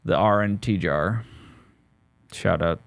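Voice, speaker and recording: A man's voice: low voice, slow pace, creaky, dry recording. Rambling, jokey man in his forties. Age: 40s. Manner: rambling, jokey, restarts often. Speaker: podcast co-host. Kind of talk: casual podcast chat.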